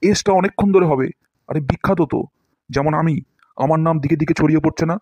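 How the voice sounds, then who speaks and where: Here he's fast and darker in tone, voicing a pompous cartoon English teacher who scolds the class and overacts every word he shows them. The voice sits a touch high for a man and sounds natural, captured close and dry without any echo.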